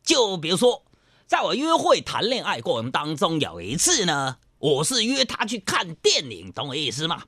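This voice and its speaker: A male comedy host running a stand-up monologue. His fairly high, bright voice swings all over the place, full of playful mimicry. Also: huge pitch swings, normal speed, no echo, clean studio sound.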